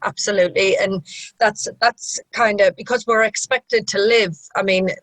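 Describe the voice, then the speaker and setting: Young woman, strong Mackem accent from Sunderland, mid-pitched, earnest and discursive interview talk, dry recording. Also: fairly even intonation, normal speed, a bit bright, no room sound, low-quality recording. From Sunderland, England. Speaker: sociology group member being interviewed.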